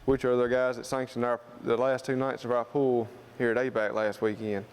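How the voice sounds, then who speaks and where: A man's voice: mid-range voice, level tone, moderate pace, smooth. A man with a Southern US accent giving an informal interview, explaining things in a plain-spoken, folksy way. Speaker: student club president being interviewed.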